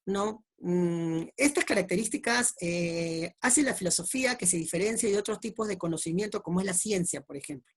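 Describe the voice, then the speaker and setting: A woman's voice: fairly low pitch, expressive, normal speed, slightly rough. A woman teacher explaining logic exercises step by step, often checking in with her students through short questions. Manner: patient, checks understanding with repeated tag questions.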